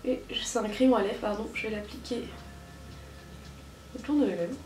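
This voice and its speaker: A woman's voice: a little high, normal speed, a little mellow, a little hiss or hum. Chatty young woman, makeup vlog. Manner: chatty, frequent fillers and self-corrections. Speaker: beauty vlogger. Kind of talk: casual makeup tutorial narration.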